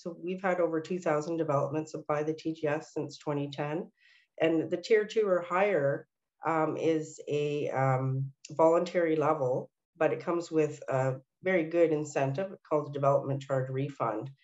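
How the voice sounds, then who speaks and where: A woman's voice: sits low, normal speed, a little mellow, dull audio. A woman with a nasal voice, a senior city policy planner presenting a workshop over a video call, with frequent ums and uhs as she asks for the next slides. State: recovering from illness, nasal. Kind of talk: webinar presentation.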